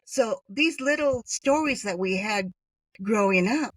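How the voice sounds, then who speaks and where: A woman's voice: mid-range voice, animated, a little slow, dry recording. A middle-aged woman from Hawaii, a podcast guest chatting through personal stories with many fillers. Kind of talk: conversational storytelling interview.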